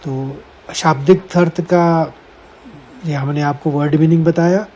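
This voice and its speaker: A man leads a scripture lesson at a very unhurried pace, sounding out each Sanskrit syllable with care. His voice is warm and mellow and sits a little high for a man. He talks to his listeners as friends and walks them through each verse step by step. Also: steady tone, highs cut off, a little hiss or hum. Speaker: Gita teacher. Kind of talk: slow explanatory lesson.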